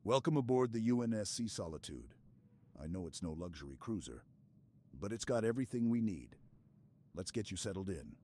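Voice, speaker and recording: A man playing Master Chief as a stoic, protective armored super-soldier in a scripted ASMR roleplay, speaking in a steady, clipped, reassuring military manner. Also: lowish voice, brisk. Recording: clear background ambience noise.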